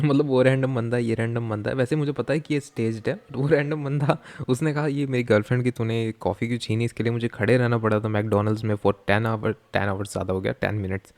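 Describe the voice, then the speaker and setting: A man's voice: mid-range voice, fairly even intonation, fairly quick, hardly any pauses, darkish tone, dry recording. A young Indian man with an Indian accent giving joking, chatty reaction commentary, mixing Hindi and English. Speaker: reaction video host.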